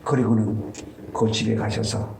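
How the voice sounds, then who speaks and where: A man's voice: lowish voice, level tone, measured pace, vocal fry, darkish tone, a little hiss or hum. A man preaching a sermon as pastor, emphatic and repeating his key points. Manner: emphatic, repeats key lines, voice swings up for stress. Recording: echoey church sanctuary.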